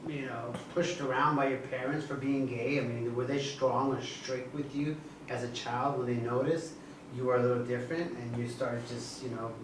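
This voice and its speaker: A man's voice: mid-range voice, fairly even intonation, moderate pace. A man interviewing a guest, asking direct and encouraging questions. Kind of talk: casual interview. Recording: roomy, distant mic, faint noise.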